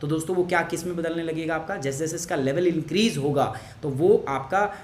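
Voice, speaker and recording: A man's voice: a little high, brisk, echoey room, a little hiss or hum. A male teacher explaining a science lesson to students. He keeps asking questions and answers them himself, slips English phrases into his sentences, and patiently goes over points again.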